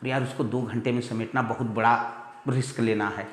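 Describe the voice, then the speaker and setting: Male grammar teacher for exam prep, patient, repeats key terms slowly, big echoing room. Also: mid-range voice, flat delivery. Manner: calls students "beta", repeats key words slowly. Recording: echoey hall.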